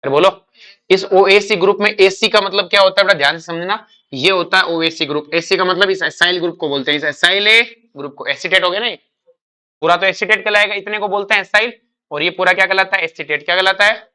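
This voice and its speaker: A man's voice: sits high, fairly quick, bright, forceful tone, clean tone. A man teaching a chemistry class, quizzing his students with repeated questions and calling them beta. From India. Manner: acts out a crying carbocation and a comforting mercury.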